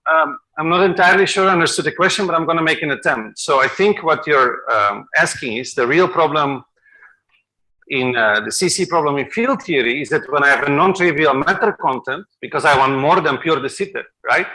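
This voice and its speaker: Bright-voiced man answering a physics question. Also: a little high, brisk, rough recording. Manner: thinks aloud, tentative, checks with "okay?". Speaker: invited speaker answering questions. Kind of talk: academic Q&A answer.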